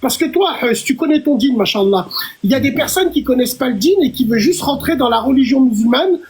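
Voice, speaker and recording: A man's voice: extremely high pitch, lively intonation, quick pace, a little mellow, slightly rough. A man hosting a live debate in casual French suburban street slang peppered with Arabic interjections. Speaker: live stream host.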